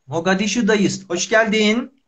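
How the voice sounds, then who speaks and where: High-voiced man teaching on a livestream. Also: a little slow, a crowd in the background. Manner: simple short phrases, repeated for learners. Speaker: Turkish teacher and live host. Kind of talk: casual livestream language lesson. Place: small indoor room. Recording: dull lo-fi livestream audio.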